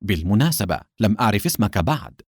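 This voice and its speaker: A man doing a sly, smug gentleman from an audiobook, coldly polite and smooth. His voice sits low and moves lively up and down. The sound is dry and close. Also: fast talker, no echo. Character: smug, sly older male collector and official.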